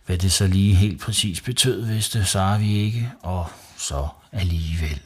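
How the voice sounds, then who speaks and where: A man with a low, slightly husky voice reads a children's story aloud. He narrates in a lively, storytelling way from his writing studio. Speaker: storyteller, podcast host.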